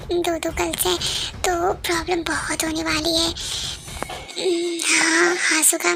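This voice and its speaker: A woman's voice: very high voice, background noise, heavily acted. A woman voicing young mafia brothers in an amateur audio drama as they plan plainly and agreeably. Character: young mafia men, gang brothers planning guards. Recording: clear background music.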